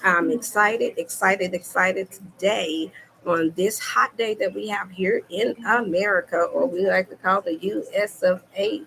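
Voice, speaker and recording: A woman hosting her wellness channel live, chatting excitedly with viewers, repeating herself and getting tongue-tied, greeting people by name. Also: medium pitch, measured pace, creaky, a little hiss or hum, low-quality recording. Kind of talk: casual live stream chat.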